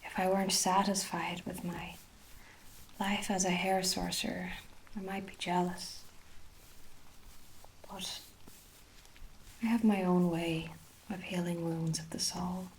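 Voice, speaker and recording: A woman with an Irish accent in a soft ASMR role-play, playing a gentle, attentive hair sorcerer with old-fashioned storybook phrasing. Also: lowish voice, little pitch movement, takes it slowly, pauses often, a little hiss or hum, low-quality recording. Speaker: ASMR performer.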